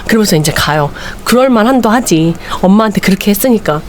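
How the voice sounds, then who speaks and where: A woman hosting a late-night live show, casually retelling a story and acting out the characters' lines with sudden shouts. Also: medium pitch, fast, a little hiss or hum. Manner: animated, voices each character with sudden shouts. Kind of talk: casual storytelling with acted-out quotes.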